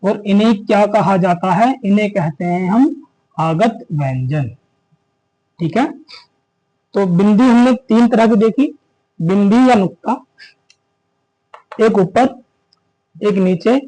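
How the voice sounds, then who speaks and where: A man teaches an exam-prep grammar class in a high, mellow voice. He keeps asking the students a question and answering it himself. He slows down to stress each key term. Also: lively intonation, low-quality recording.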